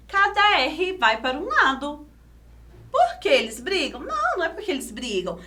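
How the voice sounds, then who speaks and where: A woman teacher with a Brazilian Portuguese accent, giving a video lesson to children, sounding out syllables slowly and clearly and asking coaxing questions. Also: high voice, sharp tone. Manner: slow, over-enunciated syllables, coaxing questions.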